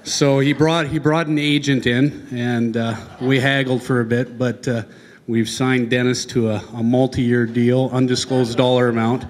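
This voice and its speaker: Male event presenter, folksy and halting, speaking informally in front of an audience in a reverberant hall. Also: medium pitch, flat delivery. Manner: casual, folksy, halting with frequent ums and pauses. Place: large banquet hall. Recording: echoey hall over PA, long reverb.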